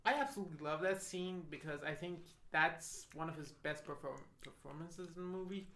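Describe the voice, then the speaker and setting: A co-host of a film podcast, chatting about movies in a relaxed, conversational way. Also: medium pitch, a little fast. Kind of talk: casual film chat. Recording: echoey room with faint noise.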